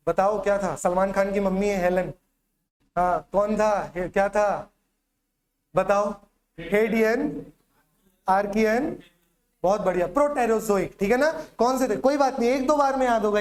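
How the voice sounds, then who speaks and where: A male teacher lecturing a classroom in Hindi, quizzing students with repeated questions and memory tricks, with a Chhattisgarh accent. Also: high-pitched. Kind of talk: classroom lecture with call-and-response drills.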